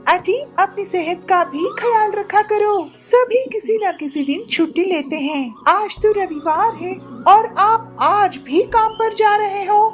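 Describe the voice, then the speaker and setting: A woman voicing a young female bird, an eager and greedy daughter-in-law, in a shrill pleading voice for a cartoon story. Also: takes it slowly, few pauses, soft background music. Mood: fussing.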